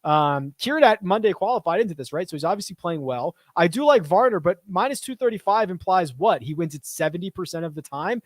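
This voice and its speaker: A man's voice: high voice, lively intonation, fairly quick, few pauses, no room sound. A man hosting a casual live stream, reading viewer questions aloud and answering off the cuff at his desk.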